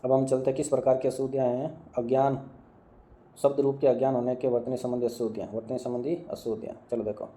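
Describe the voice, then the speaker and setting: A man teaching a grammar lesson in a very dark, heavy voice. He keeps a flat, even tone as he runs down word lists, asks a short question and answers it himself. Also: mid-range voice. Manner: drilling students with quick questions and answers, repeating words. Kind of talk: online exam-prep lesson.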